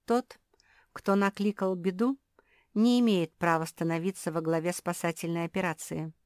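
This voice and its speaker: A woman's voice: fairly low pitch, fairly even intonation, normal speed, a little mellow, no echo, clean studio sound, lightly acted. Lady doing a bossy big sister dog, scolding and moral. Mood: reproachful. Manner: reproachful, preachy.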